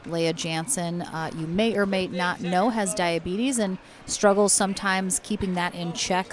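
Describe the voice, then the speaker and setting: A woman doing color commentary on a pickleball match, reacting to shots and giving updates to viewers. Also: lowish voice. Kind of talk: live sports commentary.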